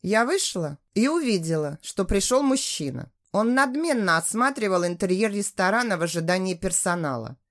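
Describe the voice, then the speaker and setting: Expressive female narrator for a first-person story, animated in pitch. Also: normal speed, hardly any pauses.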